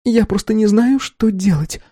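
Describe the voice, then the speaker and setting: A man reading an audiobook and voicing a frightened young woman who speaks softly, close to tears. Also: high-pitched, normal speed, dry recording, voice pushed up. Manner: soft, pleading, on the verge of tears.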